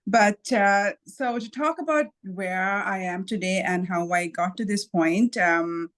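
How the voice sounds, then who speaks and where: A woman from Sri Lanka, a guest author in a podcast interview, who tells her story in a thoughtful, measured way with pauses and light laughs. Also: medium pitch.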